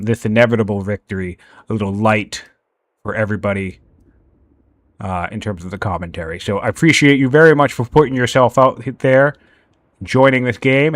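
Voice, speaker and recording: A man's voice: medium pitch, no room sound. Jokey male game caster, dry close sound. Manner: jokey, laughs often, playfully sarcastic. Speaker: tournament caster. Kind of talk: casual game commentary.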